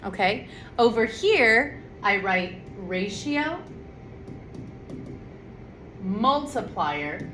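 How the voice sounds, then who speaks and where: A woman's voice: medium pitch, expressive, drawn-out words, long pauses, background noise. A woman teaching math to her students in a chatty, casual tutorial. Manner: chatty, talks directly to students. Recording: echoey room with faint ambience.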